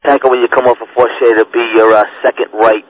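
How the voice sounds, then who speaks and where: A man's voice: mid-range voice, little pitch movement, a little fast. A man speaking over a walkie-talkie as a fire command officer, giving terse, clipped radio calls with brief hesitations. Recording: noisy phone-like two-way radio.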